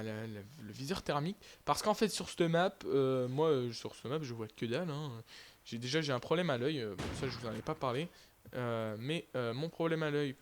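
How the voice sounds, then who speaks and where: A young man giving casual, rambling live commentary over his own gameplay, with lots of fillers and restarts. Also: mid-range voice. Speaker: gaming YouTuber.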